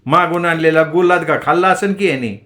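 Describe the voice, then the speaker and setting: A man's voice: on the high side, a little fast, a bit bright, voice pushed up, close to an everyday voice. A man voicing a sick young son who pleads in a feeble, tearful voice. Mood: pleading tired. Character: weak, sick young son, near tears.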